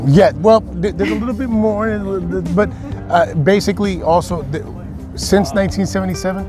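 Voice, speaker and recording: A man's voice: sits high, a little slow. A middle-aged man from New Jersey with an American accent that carries into his Spanish, an English speaker answering as a club president in an interview. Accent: American, heard also in his Spanish. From New Jersey, United States. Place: outdoors in a parking area. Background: music.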